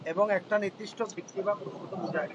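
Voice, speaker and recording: A male teacher giving an online grammar class, patiently repeating definitions slowly for students to write down. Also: high voice, fairly even intonation, dull audio, heavy background noise.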